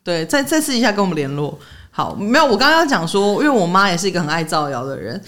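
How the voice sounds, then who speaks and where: Lively fast-talking woman co-host. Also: on the low side. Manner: animated storytelling, laughing often. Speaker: podcast co-host. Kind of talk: casual chat.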